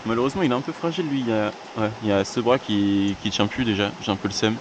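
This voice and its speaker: A young man with a lowish voice chats and jokes to his camera while hiking a mountain trail. Running water rushes loudly behind him, caught on the camera's own mic out in the open. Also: muffled recording. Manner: chatty and joking, talking to camera. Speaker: hiking vlogger. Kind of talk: casual vlog chat. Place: outdoor mountain trail by a stream. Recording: outdoor camera audio, stream noise behind.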